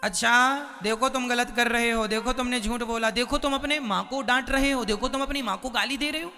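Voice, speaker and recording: Male preacher doing a stern, accusing god of death for a devotional sermon: high and bright, echoing hall. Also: a little fast, exaggerated voice. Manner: accusing, listing misdeeds. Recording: long hall reverb, faint music.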